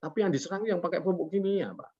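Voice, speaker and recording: A man with a high-pitched, fast, somewhat dark and breathy voice is a guest expert on a webinar, explaining things casually and folksily over a video call. He keeps asking himself rhetorical questions and answering them, and he politely addresses the host after nearly every phrase. The audio is lo-fi online call sound.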